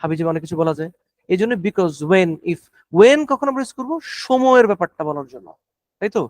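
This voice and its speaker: A man with a high voice coaches students for a speaking test. He speaks slowly and deliberately, leaning hard on every word. The sound is dry and close, with no room echo. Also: animated, darkish tone. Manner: slow, deliberate, stressing each word. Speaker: IELTS speaking tutor. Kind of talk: coaching a speaking practice class.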